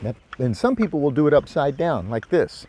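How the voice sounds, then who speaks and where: A man with a fairly high-pitched voice teaches in a casual, hands-on way. He explains things step by step in informal, folksy language, speaking outdoors like an instructor showing his gear. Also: sing-song, a little fast, very noisy. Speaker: hunting instructor, presenter. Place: outdoors in brush by a ravine.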